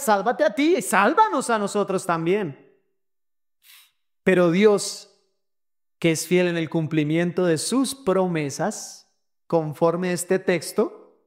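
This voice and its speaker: A man with a Colombian accent preaching a sermon in a church, slow and deliberate with emphatic pauses. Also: high-pitched. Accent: Colombian Spanish. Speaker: pastor. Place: church sanctuary.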